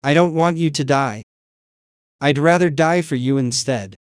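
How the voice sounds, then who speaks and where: A devoted young daughter from a storybook tale, earnest and solemn, as a male narrator puts her on. The voice is slightly raised in pitch. The sound is dry, with no room echo. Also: unhurried, clear, resonant tone, close to an everyday voice.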